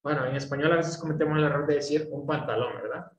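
A man teaching English in an online class, explaining patiently and often checking understanding with quick questions. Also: fairly high pitch. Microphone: video call. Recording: roomy echo, faint background noise.

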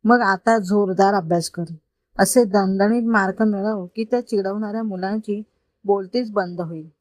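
A woman's voice: medium pitch, steady tone, moderate pace, dry recording, clean studio sound, close to an everyday voice. A woman voicing a kind, confident grown man who patiently coaxes a boy, in a read-aloud story. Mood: kind, coaxing. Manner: patient, gently persuasive explaining.

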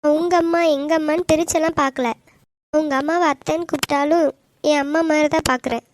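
A woman voicing a gentle, devoted young wife in a cartoon, talking in an earnest, pleading way. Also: high-pitched, fairly even intonation, fairly quick, a little hiss or hum, lightly acted. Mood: hurt, pleading. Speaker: voice actor. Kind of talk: animated cartoon dialogue.

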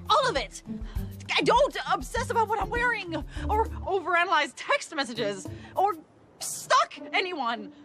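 A woman's voice: very high voice, very animated, unhurried, exaggerated voice. An actress in her thirties playing a flustered, infatuated woman who rambles in panic in a TV comedy-drama. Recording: loud music under dialogue.

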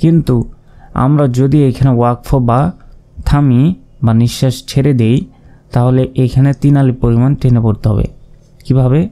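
Mellow, smooth-voiced Bangladeshi man teaching. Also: mid-range voice, fairly even intonation. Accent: Bangladeshi Bengali. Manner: slow, patient spelling out of letters and vowel marks, repeating each syllable. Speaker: Quran recitation teacher. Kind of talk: step-by-step recitation lesson.

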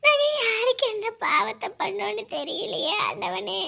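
A woman plays a distraught middle-aged mother in a TV drama who wails and pleads through her tears. Her voice sits very high and thin. Each line comes out as sobbing lament. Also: animated, normal speed, gravelly, pushed and bright, full character voice. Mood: bitter grieving. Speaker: grieving mother. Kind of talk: Tamil TV drama acting.

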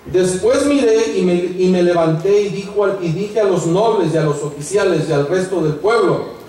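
A man's voice: sits high, normal speed, dark tone. A man, a pastor giving an earnest sermon that rises to fervent exhortation. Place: church hall. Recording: echoey church hall from far off.

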